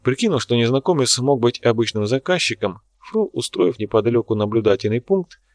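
A man's voice: mid-range voice, expressive, brisk, no room sound. Man reading an audiobook in a dry room. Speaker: narrator. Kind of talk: audiobook narration.

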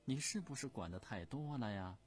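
A man voicing an imperious old Empress Dowager who scolds in a shrill, commanding voice. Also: expressive, fairly quick, breathy edge. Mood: angry.

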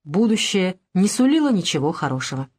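A woman narrating a novel as an audiobook, in a steady, even storytelling manner. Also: fairly low pitch, brisk, breathy edge. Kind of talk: scripted narration.

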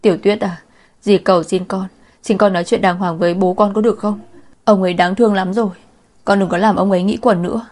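A woman's voice: mid-range voice, steady tone, fairly quick, a little mellow, natural voice. A woman voicing a middle-aged stepmother who begs in a choked voice, in a storybook reading. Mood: pleading. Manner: begging, choked. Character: middle-aged scheming stepmother, pleading and tearful.

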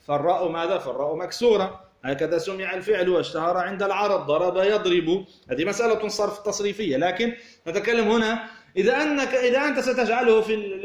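In an echoey room, a Tunisian man with a high-pitched voice teaches a grammar lesson. He poses rhetorical questions, repeats words while explaining, and pronounces example words slowly.

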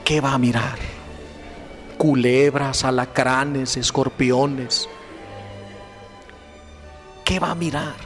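A man's voice: medium pitch, steady tone, takes it slowly, long pauses. A man preaching a fervent retreat sermon with rising, emphatic exclamations. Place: retreat hall. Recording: echoey hall with faint music.

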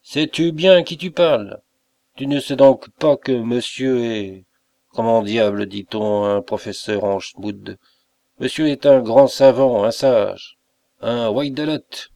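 A man's voice: mid-range voice, slow pace, gravelly, dark tone, no room sound. A man reading aloud as a young nobleman, a count who teases and banters but turns uneasy, in a storybook reading. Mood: jovial.

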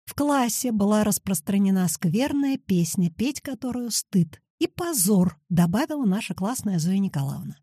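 A woman reads a children's audiobook with animated storytelling. Her voice is mellow and husky, recorded close and dry with no room sound. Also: mid-range voice, moderate pace, few pauses, no echo. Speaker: narrator.

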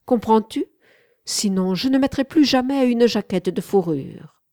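Woman doing bossy haughty lady in an audiobook, slow and mellow, snapping orders. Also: fairly high pitch, lively intonation, no echo, studio quality, pitched above the performer's own voice. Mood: commanding. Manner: imperious, teasing, with sudden sharp commands. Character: haughty commanding young woman, lover and mistress. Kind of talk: audiobook reading.

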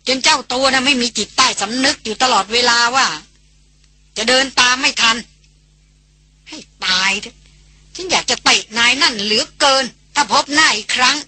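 A woman's voice: high-pitched, normal speed, bright, forceful tone, slightly rough, no echo, pitched above the performer's own voice, heavily acted. A woman reading an audiobook voices a hot-tempered man who grumbles bluntly about a trek companion. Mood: irritated.

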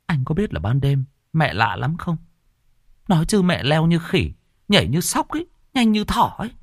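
A man's voice: wildly swooping pitch, normal speed, no room sound, studio quality, full character voice. A man voicing a frightened adult daughter, pleading and stammering. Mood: indignant. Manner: pleading, stammering, shrill when scared.

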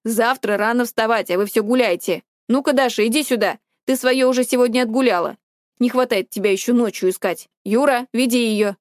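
A woman voicing a stern middle-aged uncle who talks in a gruff, scolding way. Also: fairly high pitch, fairly quick, dry recording, clean studio sound, close to an everyday voice.

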